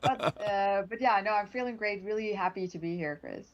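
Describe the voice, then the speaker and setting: A Swedish woman whose first language is Swedish appears as a guest on a casual livestream interview, talking about her work as a product manager. Her medium-pitched voice moves at a moderate pace through lo-fi audio, and she's chatty and upbeat, laughing often and restarting a lot.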